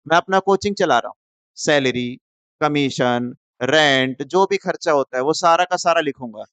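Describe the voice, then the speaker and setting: A man's voice: a little high, fairly bright tone, clear, resonant tone, no room sound. A man teaching commerce in a lecture, firing questions at the class and answering them himself.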